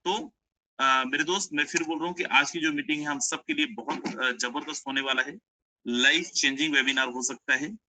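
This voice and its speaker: A young man runs an online sales webinar, coaxing listeners to stay and often calling them his friends. His voice is sharp, bright and tense. The sound is dry and close, as on a video-call mic. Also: fairly high pitch, fairly even intonation, normal speed, no echo, low-quality recording. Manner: persuasive, repeats "my friend", mixes English phrases. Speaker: webinar presenter.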